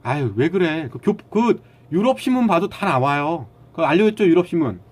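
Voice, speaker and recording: A man hosts a casual live stream and lectures his viewers in a blunt, argumentative way, snapping back at the chat. His voice sits a little high for a man and swings widely in pitch. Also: sing-song, moderate pace, a little mellow, breathy edge.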